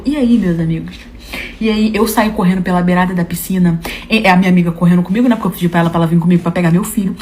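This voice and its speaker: A young adult woman telling a dramatic first-person story, acting out the voices of the people in it with big leaps in pitch. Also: slight background noise. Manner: animated, acts out quoted voices with big pitch jumps.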